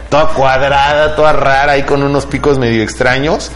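This middle-aged man has a medium-pitched, fairly bright voice with a level tone at normal speed, plus a Mexican accent. As host of a casual tech news podcast backed by music, he speaks colloquially and regularly tags on small questions for agreement.

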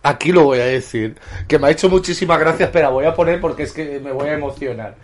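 A high-voiced man recounts film moments in a casual chat. He laughs through his sentences and talks in bursts. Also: fast, background noise. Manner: giggly, laughs while telling. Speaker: podcast co-host.

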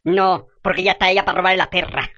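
A woman's voice: on the low side, steady tone, quick pace, fairly bright tone, lo-fi sound, natural voice. A woman playing a fiery, foul-mouthed middle-aged gossip who rants indignantly in rural slang.

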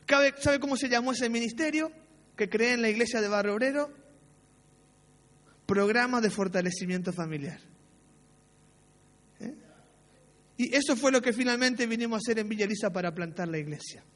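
A man's voice: extremely high pitch, animated, normal speed, pauses often, fairly bright tone. A man preaches a sermon, recounting his own past in an anecdotal, self-mocking way. He keeps checking in with his listeners through short tag questions. His voice trails off into the long reverb of a church hall. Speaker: pastor. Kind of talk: sermon with personal storytelling.

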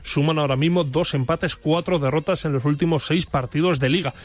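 Radio sports reporter, man, Spain accent, reading match previews in a moderately high voice. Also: a little fast. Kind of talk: scripted sports news report.

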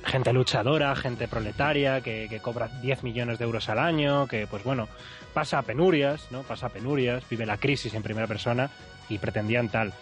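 A man's voice: mid-range voice, normal speed, soft background music. Argentine male co-host, ironic and rambling, casual banter. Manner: ironic, meandering, many restarts. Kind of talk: casual banter on radio show.

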